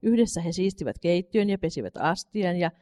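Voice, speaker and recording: A woman's voice: fairly low pitch, expressive, dark tone. Woman reading a children's story aloud. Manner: unpolished reading with slips and restarts.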